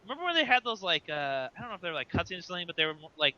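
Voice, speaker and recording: Bright, clear-voiced young man chatting. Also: high voice, sing-song, racing. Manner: chatty, trails off and restarts mid-thought. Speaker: podcast co-host. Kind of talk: casual gaming chat. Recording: muffled lo-fi podcast audio.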